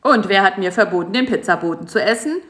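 A woman's voice: medium pitch, expressive, moderate pace, a bit bright, pitched above the performer's own voice. A woman voicing a grumpy, lazy male spider in a storybook, grumbling and snappy. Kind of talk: storybook voice acting. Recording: echoey room.

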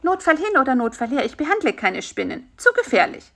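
A woman's voice: high voice, big pitch swings, a little fast, a bit bright, pitched above the performer's own voice, exaggerated voice. A woman voicing a plump, grumpy male beetle doctor who talks in a curt, dismissive way. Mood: angry.

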